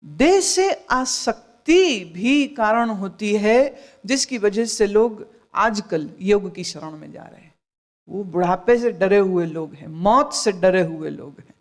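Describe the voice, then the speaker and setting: A woman spiritual teacher giving a discourse, scolding with rhetorical questions and dropping in English phrases. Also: medium pitch.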